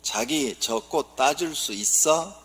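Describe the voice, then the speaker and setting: A pastor voicing a sweet, flirtatious wife from Seoul, cooing slowly. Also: male voice, on the high side, lively intonation, gravelly, fairly bright tone, husky, full character voice. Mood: coy. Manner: slow, cooing and coy. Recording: long church reverb.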